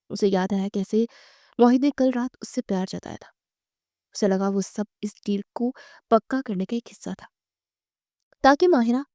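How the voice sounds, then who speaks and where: A woman narrating a bedtime story in a dramatic, expressive reading. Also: fairly high pitch, dry recording, studio quality.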